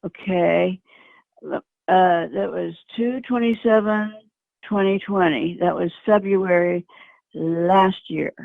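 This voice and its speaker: An older woman in a casual phone conversation, speaking in a hesitant, halting way. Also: lowish voice, fairly even intonation, gravelly, no room sound. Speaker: scam victim receiving help. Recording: dull, narrow phone-line sound.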